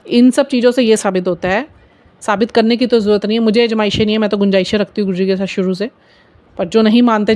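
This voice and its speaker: A woman's voice: mid-range voice, a little mellow. A middle-aged woman tells devotional stories of her faith to viewers, earnestly slipping English words into her Hindi. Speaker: spiritual storyteller.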